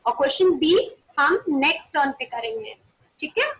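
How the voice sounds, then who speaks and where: A high-voiced primary maths teacher runs a video-call class in a sing-song, slightly bright voice at a moderate pace, and the recording is rough. Her speech mixes Hindi and English; she answers her own questions to pupils and calls them by name to turn on their cameras.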